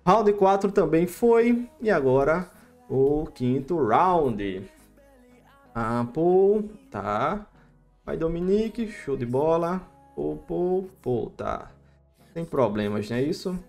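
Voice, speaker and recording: A man with a Brazilian accent giving excitable live commentary over his own mobile game battle, cheering his units on with slang. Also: a little high, takes it slowly, faint music behind. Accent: Brazilian Portuguese. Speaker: gaming YouTuber.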